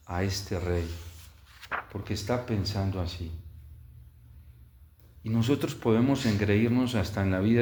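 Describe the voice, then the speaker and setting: A male priest preaching with a fairly low voice, unhurried and deliberate, pausing between phrases. His words ring out with the echoey reverb of a church, and the homily builds in intensity. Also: darkish tone. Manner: slow, measured preaching with long pauses, rising in intensity.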